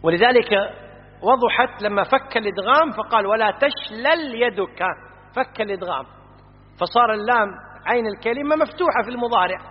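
A man's voice: very high voice, animated, a little fast. A man giving a classroom lecture on classical grammar, explaining word forms and quizzing his students. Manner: explanatory, quizzing students, stresses vowel patterns. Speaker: Arabic grammar teacher. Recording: dull lo-fi audio with long hall reverb.

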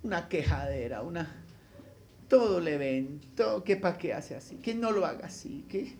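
A man preaching a sermon as a pastor, speaking to his listeners directly, repeating his points and swinging from loud bursts to quiet asides. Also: a little high, animated, normal speed, a little hiss or hum. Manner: repetitive, addresses listeners directly as brother.

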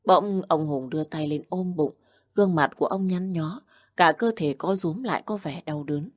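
A woman narrates a romance story in the manner of an audiobook. Her voice is low and her delivery steady and even. The recording is dry and close, with no room sound. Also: moderate pace, dry recording.

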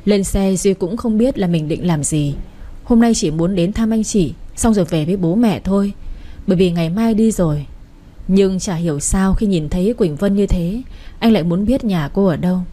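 Woman storyteller, soft dark timbre, keeps one steady voice for the whole cast. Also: medium pitch, moderate pace. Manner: reads every character in her own voice, with little change. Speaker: story narrator. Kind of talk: narrating a romance story.

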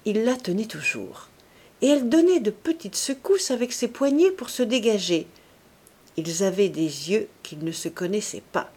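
A woman narrating a classic novel as an audiobook, in a measured, expressive manner. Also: medium pitch, husky. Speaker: audiobook reader.

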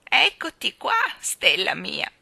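A woman's voice: mid-range voice, wildly swooping pitch, vocal fry, husky, dry recording, exaggerated voice. A woman reading aloud and voicing a fond, trembling old woman who sells balloons, stretching her words in a sing-song way. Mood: doting, wistful. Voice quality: quavering, tremulous voice. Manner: drawn-out, sing-song, loud endearments.

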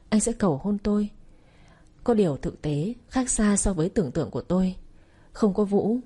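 Mellow breathy woman narrating. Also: mid-range voice. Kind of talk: scripted narration. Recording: faint music behind.

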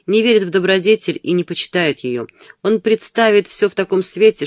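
An ardent young gentleman pours out a passionate, insistent plea in a storybook reading, as a man puts him on. The voice sits fairly high for a man and sounds close and dry. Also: no echo. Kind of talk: audiobook dialogue.

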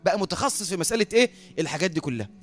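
An Egyptian man preaching a sermon as a lively storyteller who often laughs at his own tale. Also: sits high, rapid-fire.

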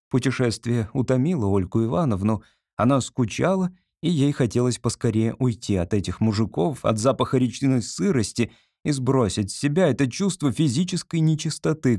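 A man narrating a classic novella as an audiobook reader, in a measured, expressive storytelling voice. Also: mid-range voice, dry recording, clean studio sound. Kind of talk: scripted literary narration.

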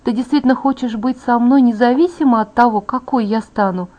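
A woman reading an audiobook voices an anxious young woman in love, a little higher and more urgent. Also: fairly quick, mellow, lo-fi sound, natural voice.

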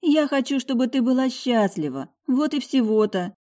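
A woman's voice: high voice, expressive, normal speed, mellow, voice pushed up. A woman reading an audiobook voices a worried middle-aged mother who talks in an anxious, coaxing, protective way. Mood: tender, soothing. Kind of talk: audiobook character voice.

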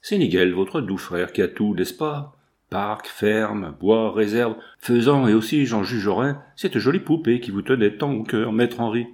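A man voicing a brutal, sneering renegade bandit in an audiobook, gruff and gloating, his voice dropping lower. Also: measured pace, a little mellow, lightly acted. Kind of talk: audiobook character voice.

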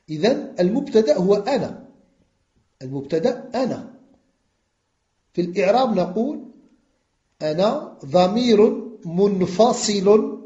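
A man teaching an Arabic grammar lesson, slow and deliberate, repeating words for his students and switching into French to explain. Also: high-pitched, a little mellow. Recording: echoey, dull lo-fi recording.

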